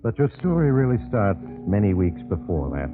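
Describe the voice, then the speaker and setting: A man with a lowish, widely swinging voice speaks at a moderate pace over music, narrating and hosting an old radio mystery drama. He plays a genial yet sinister traveler on a train who tells macabre tales, and his delivery is wry and theatrical, with an ominous, inviting mood. The old radio recording is muffled and noisy.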